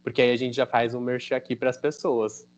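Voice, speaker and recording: A man with a Brazilian Portuguese accent hosting a casual interview, telling a story with lively quotes of what others said. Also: mid-range voice, brisk, muffled recording. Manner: animated storytelling, quoting others. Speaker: host.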